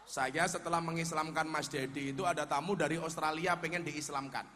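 A Javanese-accented male preacher delivers a comic sermon in a forceful, high voice. He is animated, slips into regional dialects and shouts out his punchlines. The sound rings with a long hall reverb over a faint noise floor. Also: a little fast. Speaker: Islamic preacher. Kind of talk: humorous sermon.

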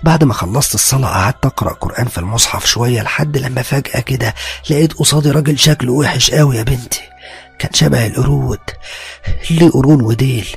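A man putting on a shaken, pious old woman with an Egyptian accent, pitched high above his usual voice and pushed loud. She talks in a breathless, pleading rush, with a husky, gravelly edge under it. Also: fast, faint music behind. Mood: frightened. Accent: Egyptian Arabic. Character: terrified pious elderly mother-in-law, woman.

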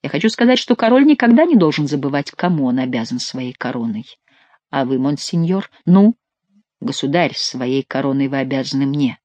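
An audiobook reader voicing a scheming, flattering nobleman count in a dramatic reading. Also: mid-range voice, normal speed, dry recording, natural voice. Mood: insinuating.

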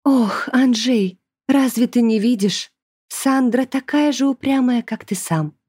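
A woman's voice: a little high, measured pace, a little mellow, breathy edge, no room sound, clean studio sound, pitched above the performer's own voice. A woman reading an audiobook, voicing an older grandmother who speaks earnestly and pleadingly to her family. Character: older grandmother, gentle but firm.

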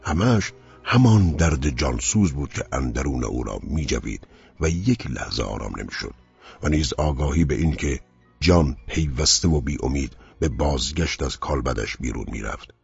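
A man narrating an audiobook in a grave, slow storytelling manner, with a gravelly, husky voice. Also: extremely low pitch, expressive, darkish tone, soft background music. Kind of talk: scripted narration. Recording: dull lo-fi recording.

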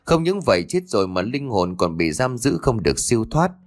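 A man voicing a stern old male Taoist exorcist, who speaks slowly, solemnly and gravely. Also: mid-range voice, very animated, close to an everyday voice.

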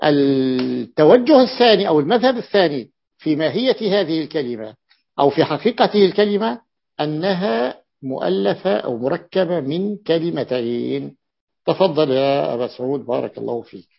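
A man teaching a classical grammar lesson as a sheikh, deliberate and repeating key words, with an "ah" between points. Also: on the high side, animated, gravelly. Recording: muffled lo-fi recording.

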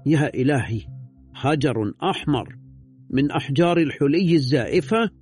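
A man voicing a blustering elderly colonel who speaks in slow, indignant exclamations. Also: mid-range voice, lively intonation, creaky, warm tone, soft background music, voice pushed up.

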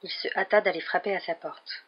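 A woman reader narrating a novel in an even, measured audiobook reading. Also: on the low side, slightly rough. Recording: dull lo-fi recording.

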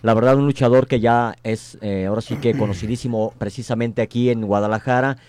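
A man's voice: medium pitch, fairly even intonation, a little fast, darkish tone, no echo. A man co-hosting a radio talk show, giving emphatic opinions. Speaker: radio co-host. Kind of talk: radio commentary. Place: radio studio.

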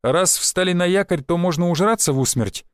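A man reading a first-person audiobook in a lively way, putting on voices for the characters. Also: sits high, brisk, dry recording, studio quality. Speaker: audiobook narrator.

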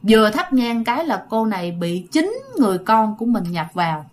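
Speaking with a Southern Vietnamese accent, a woman relates a ghost story in a relaxed, chatty manner. Her high voice has a sing-song lilt and moves a little quickly, and she often addresses her listeners directly.

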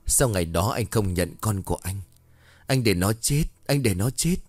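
A man's voice: on the low side, expressive, moderate pace, darkish tone, no echo. A man voicing a vengeful, hissing female ghost. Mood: accusing. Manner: hissing, taunting threats.

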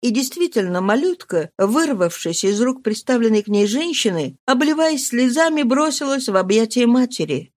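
High-voiced woman reading a novel. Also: sing-song, moderate pace, few pauses, darkish tone. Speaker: audiobook reader. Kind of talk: scripted narration.

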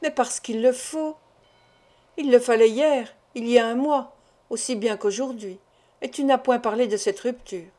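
A woman's voice: a little high, unhurried, warm tone, close to an everyday voice. Anguished mother pleading, read by a woman. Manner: impassioned, pleading, tearful. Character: anguished middle-aged mother torn by shameful love. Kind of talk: audiobook reading of a novel.

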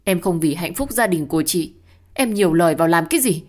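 A woman voicing a scheming young woman who wails and complains in a shrill, melodramatic way. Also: moderate pace, lightly acted. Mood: wailing. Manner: wailing, shrill crying complaints.

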